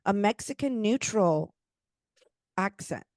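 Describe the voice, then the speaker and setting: A woman's voice: medium pitch, lively intonation, slow pace, a little mellow, no echo, clean studio sound. A woman hosting a podcast, talking casually with many restarts and fillers. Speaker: podcast host. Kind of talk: casual chat.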